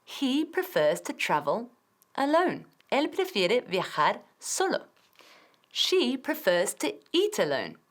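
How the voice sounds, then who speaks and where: Lively woman teaching English. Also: a little high, takes it slowly. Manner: clear, drilling pronunciation, switching between Spanish and English. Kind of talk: TV language lesson.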